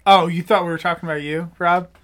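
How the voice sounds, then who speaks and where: Bright sounding podcast host, upbeat, keeps restarting sentences. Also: mid-range voice, steady tone, fast talker. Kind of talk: casual chat.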